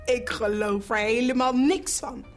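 A woman voicing a pompous, boastful male king in a children's storybook; he scoffs and shouts, turning shrill when scared. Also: a little slow, faint music behind, natural voice. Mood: scornful.

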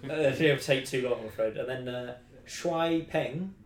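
A man's voice: mid-range voice, a little fast. A man with an English accent hosting a casual sports podcast, teasing his co-hosts. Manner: teasing, laughs often. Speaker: podcast host. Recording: echoey room with faint noise.

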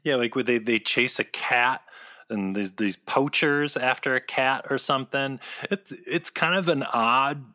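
A man's voice: mid-range voice, a little slow, sharp tone. A man co-hosting a casual pop-culture discussion in a conversational style. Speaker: podcast co-host.

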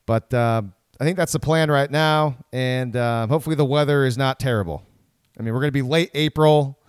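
A man's voice: medium pitch, fairly quick, smooth, no echo, clean studio sound. A man co-hosting a casual sports podcast, rambling with frequent restarts. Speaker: podcast co-host.

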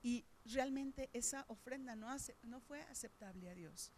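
A woman's voice: a little high, unhurried, darkish tone, slight background noise. A middle-aged woman with a Mexican Spanish accent, preaching a sermon in a conversational storytelling way, with frequent fillers.

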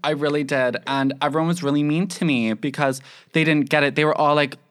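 Young male podcast guest, excitable, rambling, heavy on "like", loud into a studio mic. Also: a little high, brisk. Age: young adult. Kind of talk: casual chat.

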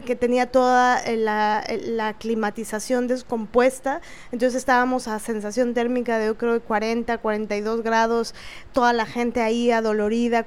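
A vlogger with a Mexican Spanish accent indignantly tells an angry first-person story, swearing freely and pausing on fillers. Her voice is a little high, clear and resonant.

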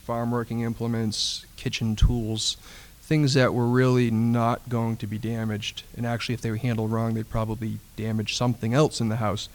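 Man speaking in an even, flat tone. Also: medium pitch, normal speed. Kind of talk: panel discussion comment.

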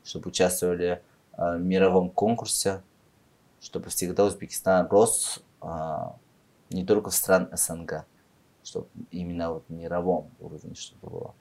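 Low-voiced man with an Uzbek accent. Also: little pitch movement, normal speed, darkish tone. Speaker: podcast guest, beauty industry professional. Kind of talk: conversational interview answers.

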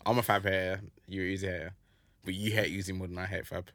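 A man's voice: low-pitched, little pitch movement, fast talker, fairly bright tone, dry recording. A man with a London roadman accent chatting casually in street slang as a podcast host.

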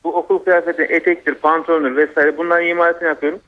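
A man's voice: a little high, level tone, fast talker. A man calling a radio show over a landline phone, polite and asking short questions. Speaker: radio caller. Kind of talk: call-in chat. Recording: tinny phone line.

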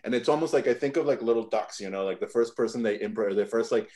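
A man's voice: medium pitch, quick pace, a little mellow. A man hosting a podcast interview, talking loosely with many "like" fillers. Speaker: podcast host. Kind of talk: conversational interview.

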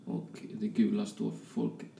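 A man from Colombia talks casually as a fashion designer guest, rambling and restarting often. His voice is low, dark and gravelly. He sounds distant in an echoey room. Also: completely flat delivery, slight background noise. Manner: rambling, many fillers and restarts. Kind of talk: casual interview chat. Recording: roomy echo, distant from mic.

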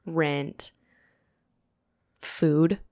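A woman's voice: low-pitched, extremely slow. Chatty young woman hosting a podcast. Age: 20s. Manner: chatty and animated, with frequent "like" fillers. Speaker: podcast host. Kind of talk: casual conversational podcast.

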